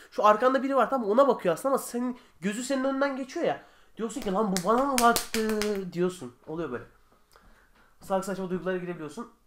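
A young man answering viewer questions in a casual vlog from his bedroom, chatty and joking, sometimes getting heated. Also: sits high. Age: young adult. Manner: chatty, joking, quick shifts between calm and heated.

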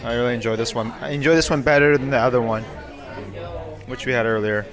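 A man in his thirties with a mid-range voice talks quickly while filming a restaurant review vlog in a dining room full of crowd noise. He's a food vlogger using a handheld camera with a small mic, and he enthusiastically keeps repeating his praise, saying "wow" and "very nice" again and again.

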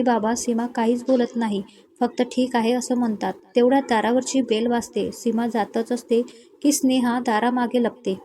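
A woman's voice: on the high side, warm tone, slight background noise. A woman narrating a romantic story and reading every character's lines in her own voice. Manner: reads all parts in her own voice, dialogue barely changed.

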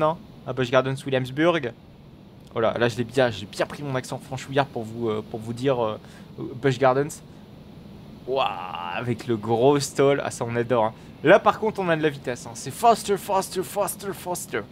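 A man giving live commentary on a game, excitable and rambling, with frequent swearing and exclamations. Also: mid-range voice, slight background noise. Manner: rambling with many fillers and restarts. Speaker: gaming video host.

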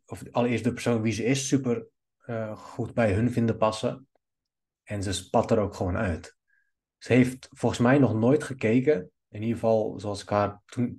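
A man's voice: lowish voice, a little mellow, husky. A man giving a video editing tutorial, talking in long rambling asides while he clicks through cuts at his computer. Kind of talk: screen-recorded editing tutorial commentary.

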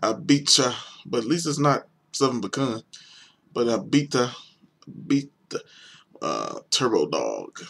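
A man's voice: mid-range voice, sing-song, measured pace, gravelly, a bit bright, husky. A young man giving a casual, rambling beer review on video, hesitant and full of fillers.

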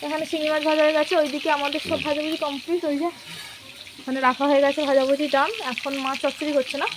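A woman's voice: high voice, flat delivery, quick pace, noisy background. A young woman vlogging casually from her home kitchen, chatting through each cooking step for her viewers on a handheld phone. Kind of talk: casual vlog narration.

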